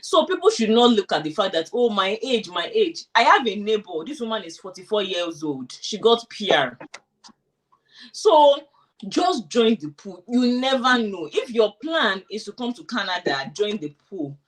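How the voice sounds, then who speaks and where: Woman, mid-range voice, casual animated storyteller in an interview, slightly distant mic. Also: medium pitch, moderate pace. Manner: animated, acts out quoted thoughts. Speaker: interviewee sharing her immigration story.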